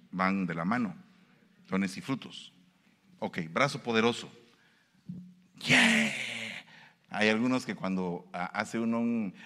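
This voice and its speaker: A male preacher, giving a sermon and asking his listeners questions. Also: big-room sound. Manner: animated, shifts pitch and pace for emphasis, asks the audience questions.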